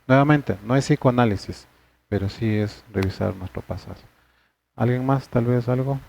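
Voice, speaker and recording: A man leads a church men's group session, speaking to them directly in an earnest, conversational way. His voice is mellow and dark, and the recording sounds dull and lo-fi. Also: mid-range voice, normal speed, gravelly. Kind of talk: church study session talk.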